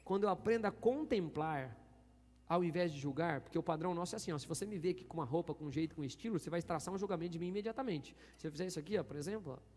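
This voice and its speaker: A man's voice: a little high, very fast, darkish tone. A man pastor preaching a sermon, asking the congregation questions in call-and-response style. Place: church hall. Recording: long hall reverb.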